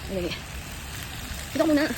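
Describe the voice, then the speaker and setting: A woman vlogging on a climb up long outdoor stairs, chatty and animated, out of breath, mixing in English and laughing often. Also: quick pace. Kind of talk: casual travel vlog chat. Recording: outdoor phone audio with clear background noise.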